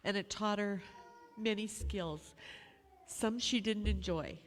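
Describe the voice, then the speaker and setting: Slow, halting Englishwoman in an echoey hall. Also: medium pitch, faint music behind. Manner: halting, repeats phrases. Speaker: bereaved mother speaking at a memorial. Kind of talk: informal memorial tribute. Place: large echoey room at a gathering. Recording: echoey hall with long reverb.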